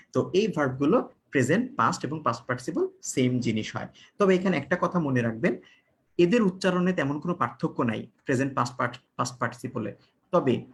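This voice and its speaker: A man from Bangladesh gives an online English grammar lesson, his voice sitting a little high. He keeps asking the class questions and answering them himself. Key words get repeated and spelled out slowly. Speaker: English teacher.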